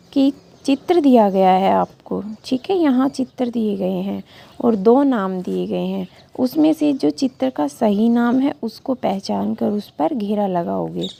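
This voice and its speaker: A woman's voice: medium pitch, creaky, mellow. A woman teacher giving a reading lesson to young children, patiently sounding out syllables and asking the class questions. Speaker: school teacher.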